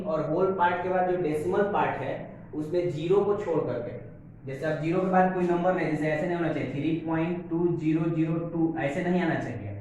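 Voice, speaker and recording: A man's voice: a little high, a little mellow, a little hiss or hum. A man teaching maths, mixing English terms into his Hindi and repeating key words back to the class as questions. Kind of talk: classroom lesson explaining on a board. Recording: very echoey room.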